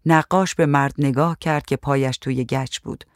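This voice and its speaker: A man reading a short story aloud in a calm, even narrating voice. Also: mid-range voice, no echo, studio quality.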